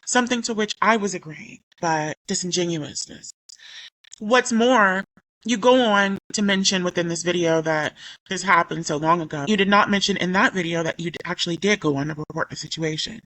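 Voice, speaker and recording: Her voice sits fairly low and a bit bright, moving at a moderate pace on a low-quality recording. She's a YouTuber recovering from voice loss who, in an indignant commentary vlog, reads her comments aloud and rambles, frequently stopping to correct herself mid-sentence.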